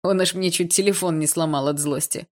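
A man's voice: a little high, steady tone, a little fast, natural voice. Woman doing a smirking, slangy teen tough. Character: cocky teenage schoolboy, street tough.

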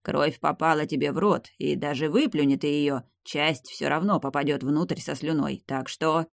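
A reader voicing a proud old grandfather who heads a clan, speaking slowly and self-importantly in an audiobook. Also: medium pitch, steady tone, vocal fry, dry recording, clean studio sound, natural voice. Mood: stern. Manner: slow, self-important, drawn-out speech. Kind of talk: audiobook character voice.

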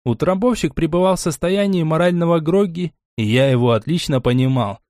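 A man narrating a fantasy audiobook in first person with an expressive, lively reading. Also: fairly high pitch, brisk, no echo, studio quality.

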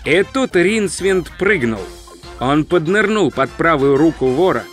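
A man's voice: fairly high pitch, animated, measured pace, soft background music. Man narrating a fantasy audiobook.

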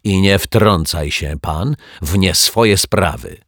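Brief: man voicing a surly storybook detective, low, husky growl, rude and bullying, dry close read. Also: slow, fairly bright tone, no room sound, full character voice. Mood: snarling. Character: surly bullying middle-aged male detective. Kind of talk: audiobook character voice.

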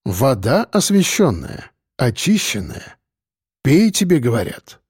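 A man voicing a calm, patient priest who speaks slowly and gently, like a father guiding someone. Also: mid-range voice, breathy edge, no echo, clean studio sound, exaggerated voice. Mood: calm, fatherly. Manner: slow, gentle, instructive.

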